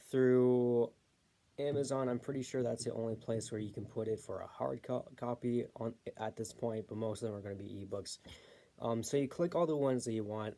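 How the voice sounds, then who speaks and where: A man talking through a how-to video in a loose, hesitant way, full of fillers and small corrections. His voice is mellow and dark, at an ordinary middle pitch. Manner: rambling, hesitant, many fillers, corrects himself. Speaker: self-published author giving a tutorial. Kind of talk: casual unscripted tutorial.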